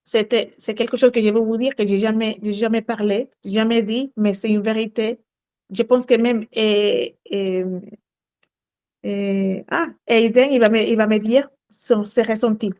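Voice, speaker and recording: A woman's voice: on the high side, steady tone, unhurried, a little mellow. A woman from Latin America, a native Spanish speaker with a Spanish accent, earnestly leading a casual sales training session and often repeating herself. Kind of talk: casual group training call.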